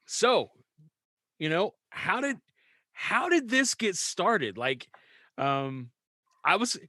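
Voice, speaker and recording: A man's voice: high voice, big pitch swings, takes it slowly, sharp tone, no echo. A man from West Virginia hosting a podcast, upbeat and laughing often as he chats casually. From West Virginia, USA. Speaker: podcast host.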